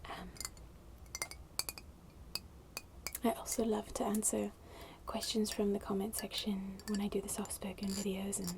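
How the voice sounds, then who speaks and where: A woman speaking very softly and breathily in a casual, hesitant ASMR chat to viewers, in a hushed near-whisper. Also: medium pitch, flat delivery, fairly quick. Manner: very soft, breathy, hushed delivery. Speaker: ASMR video creator. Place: indoors at a wooden table. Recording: clicky tapping noise over close voice. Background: fingernail tapping and scratching on glass bottle.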